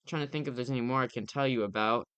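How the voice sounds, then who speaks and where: A young man chats through his recent movie picks as a podcast co-host, opinionated and rambling with plenty of fillers. His voice is bright and crisp. It sits close and dry on the mic. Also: mid-range voice, racing, no room sound. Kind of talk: casual movie review chat.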